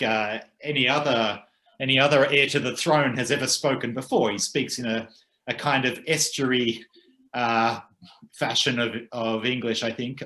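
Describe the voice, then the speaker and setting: A man co-hosting a casual chat, speaking thoughtfully with frequent hesitant pauses. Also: medium pitch, sharp tone. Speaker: co-host. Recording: roomy echo.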